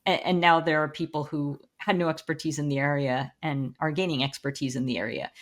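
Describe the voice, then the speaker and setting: Frank woman in her forties, lowish voice. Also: fairly even intonation, a little fast. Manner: enthusiastic, frank, many fillers. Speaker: podcast guest. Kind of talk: casual podcast conversation.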